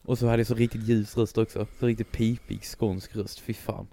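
A man's voice: on the low side, level tone, gravelly, mellow. Chatty young man with a Skåne accent. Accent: Skåne Swedish. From Skåne, Sweden. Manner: joking, chatty, apologetic. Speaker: podcast co-host. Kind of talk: casual chat.

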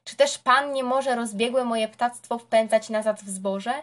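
A woman's voice: a little high, measured pace, close to an everyday voice. A woman voicing a young, shy country girl who works as a gardener, answering plainly in a storybook reading. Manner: plain simple replies.

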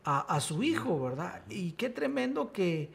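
A man's voice: high-pitched, very animated, a little slow, gravelly. A man preaching and teaching from the Bible, emphatic, rising to exclamations. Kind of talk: sermon-style Bible teaching.

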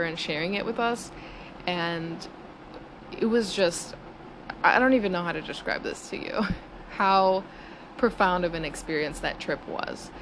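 Thirty-something woman chatting on her podcast, kinda low voice, giggles a lot, crappy audio with street noise and ac hum. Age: 30s. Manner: chatty, giggles nervously between thoughts. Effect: low-quality audio with street noise. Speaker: podcast host. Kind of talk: casual solo podcast monologue. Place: small home studio on a busy city street. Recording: noisy low-quality street-side recording. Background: traffic and air-conditioner hum.

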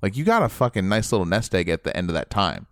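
A man's voice: sits low, big pitch swings, fast talker, fairly bright tone, no room sound, clean studio sound. A man co-hosting a video game podcast, chatting casually, swearing freely and laughing easily. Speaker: podcast co-host.

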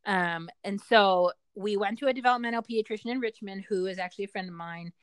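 A woman's voice: mid-range voice, fast talker, clean tone, no room sound. Middle-aged woman as a parent being interviewed; talkative, explanatory, conversational storytelling, recorded very dry. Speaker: parent interviewed about their child.

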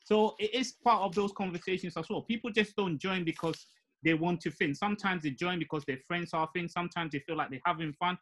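A man's voice: high voice, brisk, fairly bright tone, a little hiss or hum. A man explaining his view earnestly in a casual panel discussion, often with rhetorical questions.

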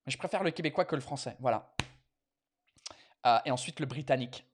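Man, casual bilingual live chat, swears a lot, mid pitch. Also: fairly quick, a little hiss or hum. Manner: mixes French and English, swears freely. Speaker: host.

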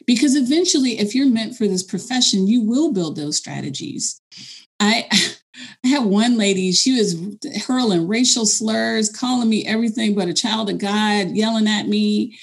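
A woman teacher speaking earnestly and encouragingly in a reflective, conversational way, with fillers and restarts. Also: mid-range voice.

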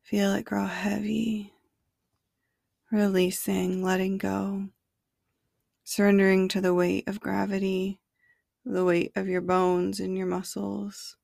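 A woman guides listeners toward sleep in a hushed, soothing bedtime narration. Her delivery is even and drawn out at a very slow pace, sometimes close to a whisper. The sound is dry and close, with little room around it. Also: medium pitch, creaky, no room sound. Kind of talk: sleep meditation narration, slow body scan.

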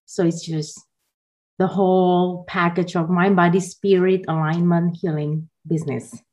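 A woman in her forties from Indonesia, a podcast guest telling her life story in a soft, halting way with small laughs. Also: on the low side, flat delivery. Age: 40s. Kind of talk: personal story in a podcast interview.

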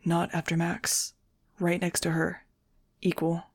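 A grieving teenage boy in an audiobook, terse and steady, keeping his voice quiet as he speaks, as a woman reader puts him on. The tone sits low and gravelly, with almost no rise or fall. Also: unhurried, no echo, clean studio sound. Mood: hushed grief. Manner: quiet, clipped, subdued.

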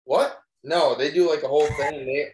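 A man's voice: fairly high pitch, steady tone, moderate pace, darkish tone, echoey room, low-quality recording. A man in his twenties chatting casually on a podcast in a loose, slangy way, calling people bro. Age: 20s. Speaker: podcast co-host. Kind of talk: casual chat.

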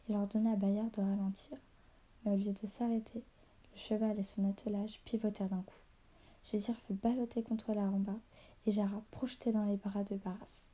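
A woman reads a novel aloud in a soft, half-whispered voice that stays even and flat. Her tone is very dark and mellow. She pauses now and then to correct small slips. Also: mid-range voice, breathy edge.

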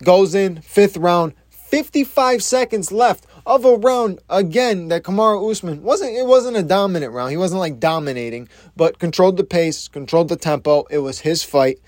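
A casual fight breakdown from a man who talks in blunt, profane slang and often restarts his sentences. His voice sits a little high for a man. The recording is dry, with no room sound. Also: lively intonation, moderate pace, dry recording. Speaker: MMA commentator.

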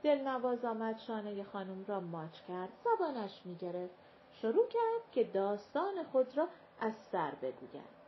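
A woman reading a novel aloud in calm, measured scripted narration. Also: fairly high pitch. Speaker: audiobook narrator. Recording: dull lo-fi recording with faint hiss.

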